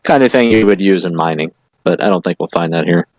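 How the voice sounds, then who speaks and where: Casual man narrating as a player, low voice. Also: fast talker, a little mellow, no room sound, rough recording. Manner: loose, uses "like" a lot.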